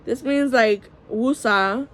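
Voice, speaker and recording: A woman's voice: fairly high pitch, slow, fairly bright tone. A woman vlogging at home late at night into her phone camera, rambling candidly, peppering her talk with "like" and swearing freely. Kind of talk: casual late-night vlog monologue.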